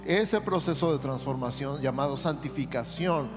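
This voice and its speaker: A man's voice: medium pitch, moderate pace. Man, pastor preaching, long church reverb, music underneath. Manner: earnest, leads a repeat-after-me prayer. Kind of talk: sermon. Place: church sanctuary.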